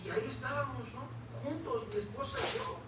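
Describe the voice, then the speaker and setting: A man's voice: very high voice, very animated, a little fast. A man with a Mexican Spanish accent preaching a sermon as pastor, emphatic and full of rhetorical questions to the congregation. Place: church hall. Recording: echoey hall, distant mic, audible room noise.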